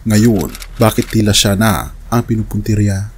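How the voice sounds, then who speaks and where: A man's voice: lowish voice, steady tone, moderate pace, very noisy. A man giving scripted narration of news with preaching, earnestly addressing the listener as a friend. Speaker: religious news commentary narrator.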